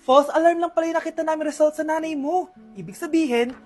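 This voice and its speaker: A woman's voice: high voice, fast, a little mellow, soft background music. A woman acting out short comedy skits with dramatic, tearful pleading. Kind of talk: acted comedy skit.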